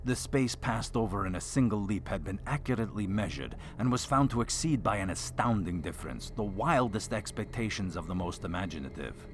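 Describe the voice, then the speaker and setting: A man's voice: fairly low pitch, animated, fairly quick, few pauses, a little hiss or hum. A man narrating a gothic story as a dramatic reading, in a theatrical, hammy stage-actor manner.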